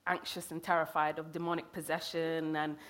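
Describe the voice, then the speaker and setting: Woman in her 30s, lowish voice, poet in an interview, thoughtful and chatty. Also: flat delivery, brisk. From England. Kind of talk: conversational interview.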